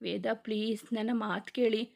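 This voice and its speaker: A woman's voice: fairly high pitch, fairly even intonation, normal speed, creaky, a little mellow. A woman reading the part of a worried young wife who pleads and argues emotionally. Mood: pleading.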